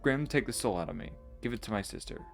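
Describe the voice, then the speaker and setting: Man voicing a young boy, earnest, stubborn, pleading, gravelly edge, faint game music behind. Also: on the low side, animated, quick pace. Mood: insistent.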